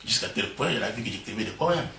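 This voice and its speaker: Recorded from afar in a roomy living room, this older interview guest, a retired professor with a Congolese French accent, talks fast and expressively in a fairly low voice. He speaks with pride and at length, laughs readily, and background noise is audible.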